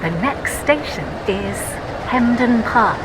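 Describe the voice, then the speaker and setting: A woman's voice giving automated onboard train announcements in slow, measured, evenly spaced phrases. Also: fairly high pitch, lively intonation, background noise. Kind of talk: recorded public announcement.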